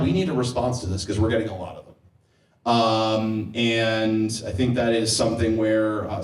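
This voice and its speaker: Male lawmaker on a panel, measured storytelling tone, room echo, distant mic. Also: lowish voice, darkish tone. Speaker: state legislator on a panel. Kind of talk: conversational panel discussion.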